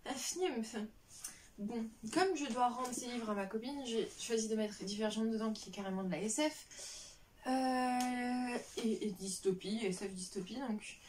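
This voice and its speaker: A woman's voice: a little high, unhurried, a little mellow, distant mic, a little hiss or hum. A young woman chatting casually about books on a vlog, rambling with lots of fillers and restarts. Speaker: book vlogger. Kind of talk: casual chat.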